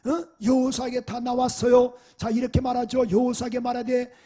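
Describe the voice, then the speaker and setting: A man's voice: extremely high pitch, little pitch movement, a little fast, mellow. A male pastor preaching a sermon with emphasis, often asking the congregation rhetorical questions. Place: church sanctuary.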